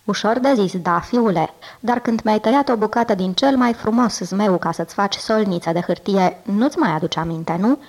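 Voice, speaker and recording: A woman's voice: mid-range voice, darkish tone, close to an everyday voice. A woman voicing a dying old dragon father who speaks weakly and turns contemptuous, in a storybook reading. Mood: scornful. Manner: weak voice, turning contemptuous.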